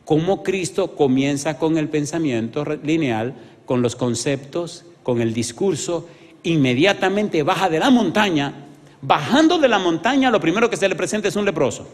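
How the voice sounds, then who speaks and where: A man preaching an evangelistic sermon, swinging between loud exclamations and hushed pleading and asking the congregation many rhetorical questions. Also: fairly high pitch, animated, normal speed. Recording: reverberant hall sound.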